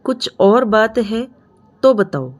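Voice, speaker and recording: A woman voicing a young married woman who is hurt and quick to anger, speaking sharply in a storybook reading. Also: a little high, very animated. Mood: angry. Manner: sharp, raised voice when angry.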